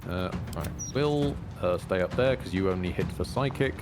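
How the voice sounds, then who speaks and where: A man's voice: sits low, lively intonation, a little fast. A man giving casual gameplay commentary as a streamer. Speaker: video game streamer. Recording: game music clearly behind voice. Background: game music.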